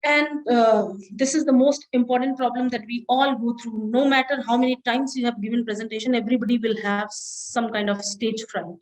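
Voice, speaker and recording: A woman, an associate professor giving a classroom lecture on presentation skills, checking in often with "all right?" and slowing down to stress key words. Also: on the high side, fairly even intonation, rough recording. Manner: instructive, repeats "all right?" to check understanding.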